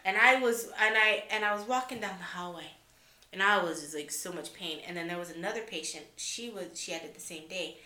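A woman tells her stories in a casual, animated way, laughing often and acting out what people said. Her voice sits a little low but sounds bright and forceful. The sound carries a noticeable room echo. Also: a little fast. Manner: animated, laughing, acts out quotes. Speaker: podcast guest. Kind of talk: casual storytelling chat.

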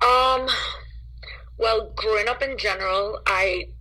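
Husky-voiced Trinidadian woman. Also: mid-range voice, takes it slowly, poor audio. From Trinidad and Tobago. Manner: relaxed, laughs easily, chatty with many fillers. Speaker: soca singer and guest. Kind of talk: casual interview chat.

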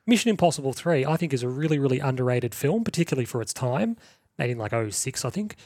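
A man co-hosting a podcast in casual chat, animated and laughing often as he acts out movie quotes. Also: medium pitch, quick pace, no room sound, studio quality. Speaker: podcast co-host.

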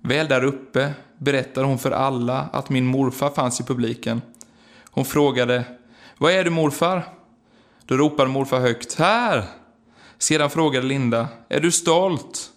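Guy reading a heartfelt memorial piece, quiet and earnest, mid pitch, really flat monotone delivery. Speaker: singer remembering his late grandfather. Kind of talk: read-aloud personal memorial narration.

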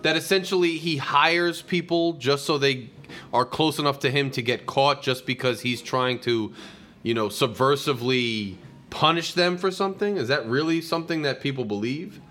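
A man's voice: medium pitch, moderate pace, pushed and bright, faint music behind. A man hosting a live call-in show, talking in a rambling way with many fillers. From New Jersey. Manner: rambling, with frequent fillers and restarts. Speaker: host. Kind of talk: live call-in podcast talk.

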